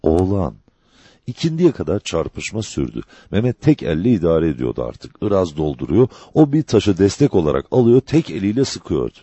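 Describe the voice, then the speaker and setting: A man reading a dramatic novel aloud as an audiobook narrator, in an expressive storytelling manner. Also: sits low, brisk, hardly any pauses, slightly rough, dry recording, lo-fi sound.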